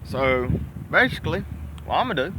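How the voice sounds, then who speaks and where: A man's voice: fairly high pitch, sing-song, normal speed, background noise. A man with a Southern US accent chats casually and folksily, with mild swearing, as he talks around a dip of chewing tobacco. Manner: folksy, mildly profane. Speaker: fishing vlogger. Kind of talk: casual rambling chat to camera.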